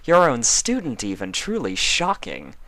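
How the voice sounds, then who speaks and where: A man voicing a gentle, regal pony princess with a soft manner. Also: medium pitch, wildly swooping pitch, a little slow, no room sound, pitched above the performer's own voice. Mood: teasing.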